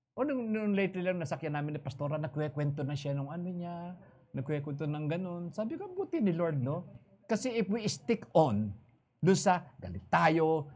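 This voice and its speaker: A man's voice: on the high side, darkish tone. A Filipino man preaching a conversational sermon as pastor, switching between Tagalog and English and telling personal stories.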